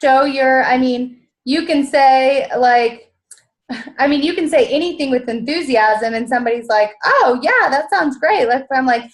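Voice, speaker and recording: A woman co-presenting in casual chat, lively, laughing and acting out what people say. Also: sits high, normal speed. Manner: lively, laughs, acts out quoted voices.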